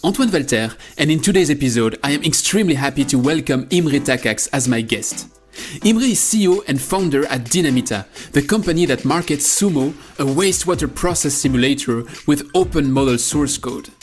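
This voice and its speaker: A man's voice: fairly high pitch, darkish tone. A man hosting a podcast, opening the show from a script and then asking a guest polite, eagerly worded questions. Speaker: podcast host. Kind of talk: scripted intro and interview questions.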